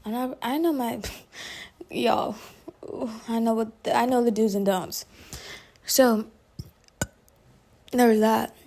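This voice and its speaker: A young adult woman telling a story to her viewers in a casual, animated vlog, laughing often and filling her speech with "like". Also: on the high side, takes it slowly, long pauses. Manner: animated, chatty, laughs often, heavy use of "like". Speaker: vlogger.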